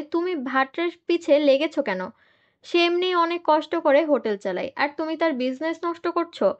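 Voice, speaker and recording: A woman recounts a film's story in steady, scripted narration. Her voice sits high. The recording sounds dull and a little lo-fi. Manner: steady storytelling, reads out the characters' quoted lines in the same voice. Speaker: movie recap narrator.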